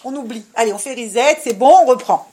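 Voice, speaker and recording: A woman with a high voice gives an informal religious talk, speaking straight to her listener. She jumps between loud, emphatic bursts and low, soft asides. She keeps checking that the listener understands. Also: brisk, a little hiss or hum. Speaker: religious speaker giving advice.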